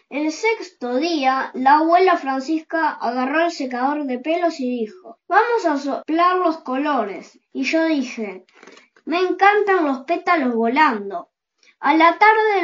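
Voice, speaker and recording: A reader telling a children's story aloud, with gentle and unhurried storytelling. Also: high voice, dull audio. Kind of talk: slow storybook reading aloud.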